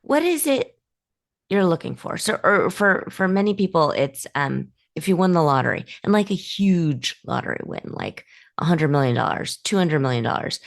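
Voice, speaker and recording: Low, gravelly-voiced woman coaching listeners. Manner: chatty, encouraging, with many ums and restarts. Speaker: podcast host and life coach. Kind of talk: casual motivational talk to listeners.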